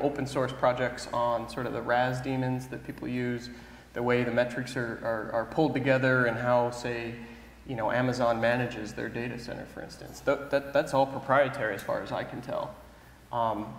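A man on a conference panel speaking thoughtfully, hedging often with "sort of" and "you know". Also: mid-range voice. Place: large conference hall stage. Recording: echoey hall with faint room noise.

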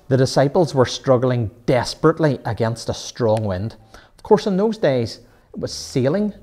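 A man's voice: mid-range voice, a little mellow. A man, teaching Sunday school, telling a Bible story to children with chatty asides and questions for his listeners.

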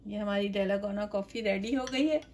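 A woman hosting her own cooking channel, explaining a recipe step by step in a gentle, chatty way, with blessings and greetings to her viewers. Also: mid-range voice, fairly quick. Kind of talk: home cooking tutorial voice-over. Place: home kitchen.

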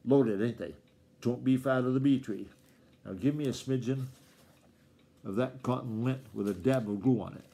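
A snappish old farmer grandfather with a rustic country twang, as a father puts him on reading aloud. His voice is mellow and low-lit rather than bright, and he scolds and hustles in a storybook scene. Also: moderate pace, creaky, long pauses. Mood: hushed.

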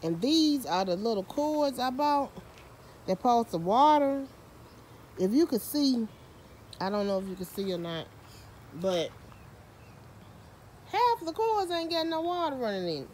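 A home gardener and vlogger speaks a little slowly and pauses often, her slightly high, darkish voice swinging widely in pitch. She tours her garden outdoors on a handheld phone camera, chatty and self-mocking with Southern US slang, amid slight background noise.

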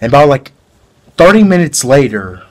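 A man playing a male killer who confesses a brutal fight in a halting, rambling way, in an amateur home-video drama. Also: medium pitch, very animated, lightly acted. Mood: flat confessing. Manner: halting, rambling storytelling with restarts.

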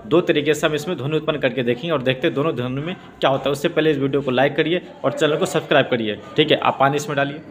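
A man teaching a science demonstration lesson, explaining step by step and filling pauses with "okay" and "friends". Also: fairly high pitch. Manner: repeats "theek hai" and "doston" often.

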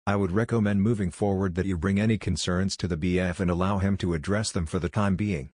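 A man with a very low, slightly husky voice reads text aloud in an even, steady narration. The recording is dry and close, with almost no room sound. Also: fast, no echo. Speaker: narrator reading comments. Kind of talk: scripted narration.

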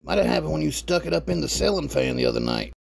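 Host guy tossing deadpan sarcastic jabs, husky gravelly voice. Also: fairly high pitch, quick pace. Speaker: show host. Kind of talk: dry commentary over a clip.

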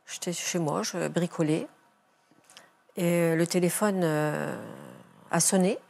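An older woman, a grandmother, giving a halting, emotional account in a TV studio interview, repeating her words as she relives the events. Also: fairly low pitch, creaky, darkish tone. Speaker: grandmother of a victim, guest.

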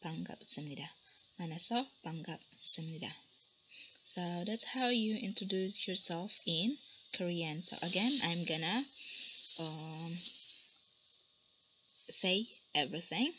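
A language teacher and blogger in her twenties from the Philippines leads a beginner lesson, saying phrases slowly and carefully and repeating each one for practice. Her voice is on the low side, pushed and bright. She records indoors in a small room on a webcam at desk distance, giving dull lo-fi sound with faint noise.

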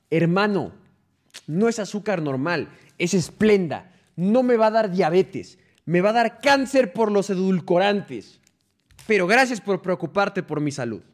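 On a loose livestream, a young streamer with a Mexican Spanish accent reads viewer stories aloud. His high voice carries plenty of slang and casual swearing, and he laughs often between lines.

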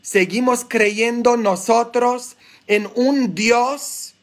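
A priest giving a live-streamed homily, colloquial and joking, firing rhetorical questions and swinging between loud high exclamations and hushed low asides. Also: male voice, extremely slow.

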